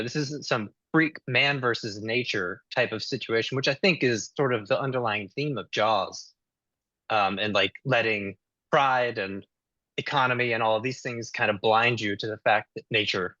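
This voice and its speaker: A man's voice: on the low side, moderate pace, bright, forceful tone, no echo. Dry, dull-sounding man explaining things. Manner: explanatory, thoughtful. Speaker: podcast guest. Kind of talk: casual movie chat.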